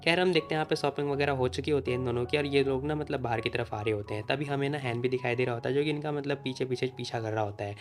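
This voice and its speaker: A young man rattles through a comic recap at a brisk clip, casual and full of fillers. His voice sits in an ordinary middle pitch. A light music bed runs quietly behind him. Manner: chatty, fast, many fillers. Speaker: story recap narrator. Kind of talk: casual story recap narration. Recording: faint background music.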